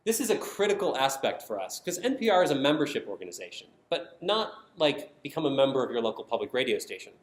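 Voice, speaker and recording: A sing-song, mid-range male voice moves at a quick clip with hardly any pauses. The speaker, a design team member at a public radio network, presents prepared material at an indoor conference and stresses his points emphatically. The recording has an echoey room quality.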